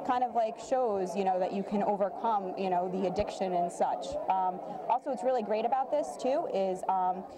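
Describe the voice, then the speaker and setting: A woman's voice: mid-range voice, normal speed, few pauses, crowd noise. A young adult woman giving casual, hesitant, rambling interview answers as a guest. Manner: hesitant, rambling, many likes and you-knows. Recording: noisy event room. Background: clear background noise.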